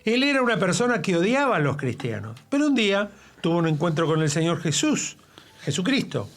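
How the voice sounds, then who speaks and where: A man's voice: sits high, very animated, a little fast. Emphatic man leading Bible study. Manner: emphatic, quotes scripture at length. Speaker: church Bible study leader.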